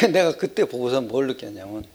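An older man preaching a sermon in a conversational, rambling way, jumping from loud exclamations to hushed whispered asides. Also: mid-range voice, sing-song, moderate pace, slightly rough.

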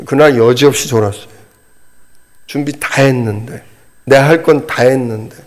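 A middle-aged man preaching a storytelling sermon, animated and wry, laughing at himself as he tells it. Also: mid-range voice, moderate pace.

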